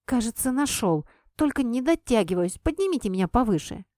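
A woman's voice: fairly high pitch, very animated, brisk, a little mellow, dry recording, clean studio sound, pitched above the performer's own voice. Grumpy imp calling up from down a well, as a woman reads him. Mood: straining. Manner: grumbling, peevish. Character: grumpy small male imp familiar with horns. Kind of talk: audiobook character voice.

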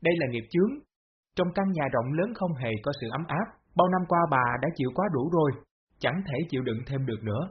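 A man reading the lines of a long-suffering middle-aged mother who speaks slowly and pleads. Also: on the high side, lively intonation, slightly rough. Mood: bitter. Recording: dull lo-fi audio.

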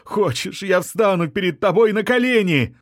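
A man's voice: medium pitch, moderate pace, dry recording, studio quality, lightly acted. A man playing a middle-aged violinist, a pushy suitor who wheedles and sulks and turns spiteful. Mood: resentful. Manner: wheedling, offended, turning menacing. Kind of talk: audiobook character reading.

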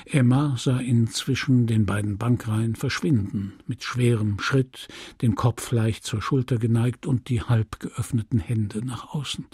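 Guy reading an old novel out loud, super husky and gravelly, takes his time. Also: mid-range voice, steady tone, no room sound, studio quality. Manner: slow, measured storytelling. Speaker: audiobook reader. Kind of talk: literary audiobook narration.

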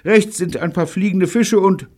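A clueless boy radio operator, voiced by a man in a storybook reading. He answers vaguely and naively in a very high, husky voice. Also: moderate pace, darkish tone. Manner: evasive, naive.

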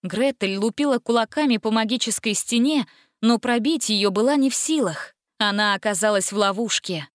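A woman narrating a fairy-tale audiobook in an expressive, steady reading style. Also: on the high side, normal speed, no room sound, studio quality. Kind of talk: storybook narration.

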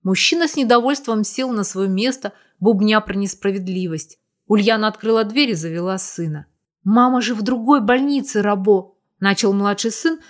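Woman narrating a story steadily. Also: medium pitch. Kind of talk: scripted audiobook narration.

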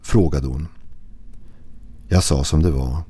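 A man with a very deep voice narrates a horror story. His tone is dark and husky, slow and hushed as he reads. Quiet music plays underneath.

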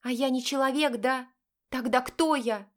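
A woman's voice: high-pitched, unhurried, pitched above the performer's own voice. A woman voicing a young woman in an audiobook, pleading and emotional, rising and insistent. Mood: desperate. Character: desperate young woman pleading with her father. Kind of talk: audiobook character voice.

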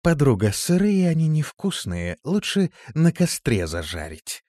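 A male audiobook reader voicing a cruel female demon who speaks in a cold, hissing, deadpan way. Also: a little high, measured pace, dry recording, clean studio sound, voice pushed up, exaggerated voice. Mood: menacing. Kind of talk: audiobook character voice.

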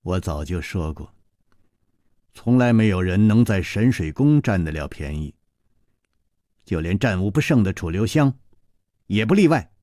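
A man's voice: deep voice, very animated, a little slow, pauses often, dark tone, no echo, studio quality. A male storyteller voicing a haughty, vicious palace disciple in a cold, sneering manner.

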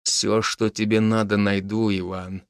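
A man voicing a calm, tough police major who speaks low, quiet and hoarse. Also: measured pace, no room sound, studio quality. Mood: grim.

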